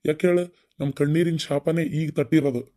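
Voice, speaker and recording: A man's voice: a little high, fairly even intonation, brisk, warm tone, natural voice. A man playing a stern older village father, North Karnataka accent. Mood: bitter. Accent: North Karnataka Kannada. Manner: reproachful, scolding. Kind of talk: cartoon story voice acting.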